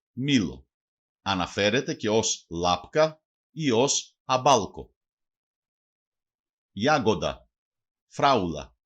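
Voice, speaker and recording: A man reads a vocabulary lesson aloud in a careful, deliberate way. His voice is somewhat husky and rises and falls in a lively way. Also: fairly low pitch. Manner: slow, careful reading of word lists. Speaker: language teacher.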